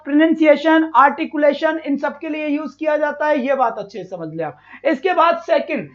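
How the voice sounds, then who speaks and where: A man teaching a live online exam-prep lesson, repeating each point, quizzing students and praising them. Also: extremely high pitch. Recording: dull lo-fi stream audio.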